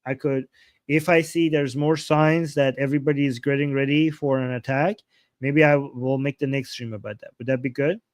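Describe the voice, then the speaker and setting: A man's voice: mid-range voice, steady tone, normal speed, no room sound, clean studio sound. A man from Iran with an Iranian accent, hosting a live political reaction stream in an argumentative, insistent way, repeating points and asking rhetorical questions. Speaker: livestream host.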